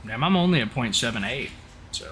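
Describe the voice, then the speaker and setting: A brisk, medium-pitched man from Oklahoma in the southern United States chats casually and teasingly while live-streaming a flight simulator. He's on voice chat for a game stream, with steady background noise throughout.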